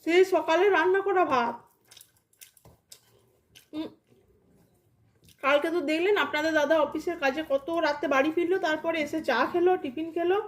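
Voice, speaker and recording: A woman with a strikingly high-pitched voice chats to her viewers over a meal. She talks with her mouth full as she eats, in an informal, chatty vlogging style that addresses the audience directly. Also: normal speed, pauses often. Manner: talking with mouth full while eating. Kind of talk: casual chat while eating lunch.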